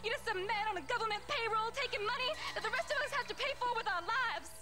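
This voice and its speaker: Angry American frontier townswoman, very high voice, impassioned, accusing, western game, loud music behind. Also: quick pace. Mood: distraught, bitter.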